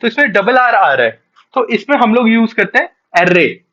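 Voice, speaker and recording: A man teaching a beginner Spanish lesson, explaining patiently step by step and switching between Hindi and English. He slows down to spell out and repeat each letter sound. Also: high-pitched, sing-song, bright, forceful tone, muffled recording.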